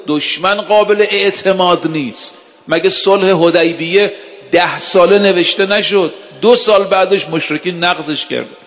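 A man preaching a religious sermon, stressing words slowly with rhetorical questions, in a hall with long reverb. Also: a little high, fairly bright tone. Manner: emphatic, slow, drawn-out delivery with rhetorical questions. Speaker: cleric preacher.

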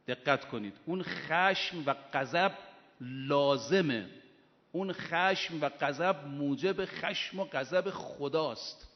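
A man preaching a sermon in an emphatic, animated storytelling manner. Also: on the high side. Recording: muffled, with long hall reverb.

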